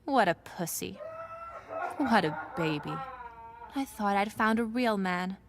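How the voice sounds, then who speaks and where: A woman's voice: mid-range voice, lively intonation, slow, noisy background. Cold, scornful young witch. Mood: contemptuous. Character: bitter young witch woman, disgusted, self-pitying.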